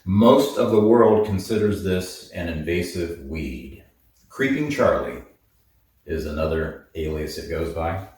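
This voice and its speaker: A man hosting an instructional talk on herbal remedies, speaking slowly and deliberately. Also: sits low, animated, a little mellow. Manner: slow, deliberate, explanatory. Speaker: herbalist host. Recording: very echoey, from far off the mic.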